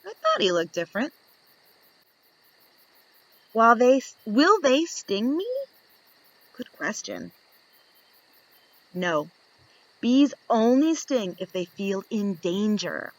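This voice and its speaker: A woman slowly reads a children's picture book aloud, lingering on each page with a lively voice that swoops up and down. She plays with the story and keeps asking her young listeners questions. Her voice sits on the high side, she pauses often, and the low-quality recording has no room sound.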